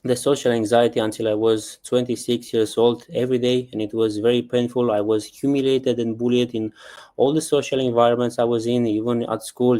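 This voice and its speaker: A man's voice: mid-range voice, dark tone. A man in his thirties from Romania, speaking English as a second language as he hosts a self-help webinar. He talks earnestly and keeps repeating himself, often adding "yeah". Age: 30s. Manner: earnest, repetitive, with frequent "yeah" tags. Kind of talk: presenting a webinar. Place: Bali.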